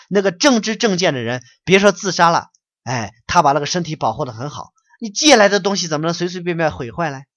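A man's voice: mid-range voice, a bit bright, no echo. Male Buddhist lecturer, blunt and scolding, reads a letter aloud and preaches on it; dull, dry, close recording.

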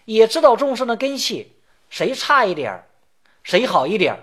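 In a high, very animated voice that's a bit bright and husky, a man gives a Buddhist sutra lecture. He works through terms point by point and slowly chants the lines of verse.

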